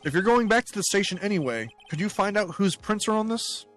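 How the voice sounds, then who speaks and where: A man's voice: high-pitched, animated, a little fast, a bit bright, faint music behind. A man voicing an earnest, somewhat nervous young male defense lawyer, in a voiced game playthrough.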